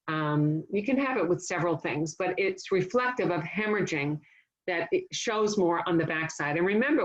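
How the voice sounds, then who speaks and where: A woman's voice: fairly low pitch, lo-fi sound. A woman nursing instructor giving a casual, conversational classroom lecture, explaining with everyday analogies and stories.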